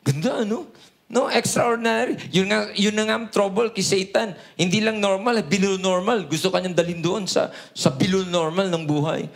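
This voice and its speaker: Middle-aged Filipino male pastor, Taglish preaching, high gravelly voice, call-and-response. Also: steady tone, moderate pace. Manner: peppers lines with "no?" and "hallelujah", call-and-response. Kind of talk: Taglish sermon.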